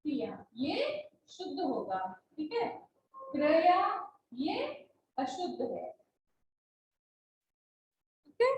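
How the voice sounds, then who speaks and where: A woman's voice: very high voice, echoey room, a little hiss or hum, poor audio. A woman teacher giving a classroom spelling lesson, patiently repeating words and asking checking questions. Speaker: school Hindi teacher.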